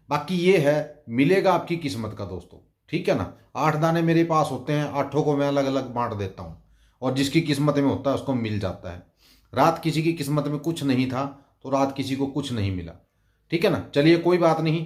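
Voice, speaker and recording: A man's voice: mid-range voice, darkish tone, roomy sound. A man hosting a dream-telling channel, chatting casually to his viewers and often tagging his sentences with "okay". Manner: chatty, keeps addressing friends, frequent "okay" tags. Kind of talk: casual storytelling monologue.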